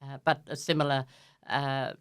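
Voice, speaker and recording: Older woman, radio host, low deep voice, gentle, halting, lots of ums. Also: level tone, smooth. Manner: gentle, halting with many fillers. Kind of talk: community radio interview.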